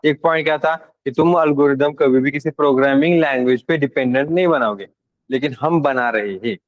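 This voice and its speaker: Teacher, slightly high, dry sound. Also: male voice, no room sound, rough recording. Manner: asks the class questions, mixes in English. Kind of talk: classroom lecture.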